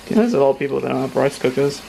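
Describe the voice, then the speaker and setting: A man speaking up from across a home kitchen, blunt and quick as he argues his point. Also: mid-range voice, lively intonation, creaky. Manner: blunt, argues back in short quick lines. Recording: off-mic voice in a noisy kitchen.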